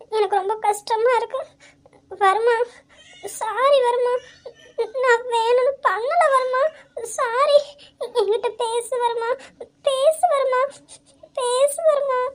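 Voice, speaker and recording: A woman voicing a clingy young wife in an audio drama, pleading and sobbing between her words. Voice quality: very high, girlish voice. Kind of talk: hobby audio drama acting.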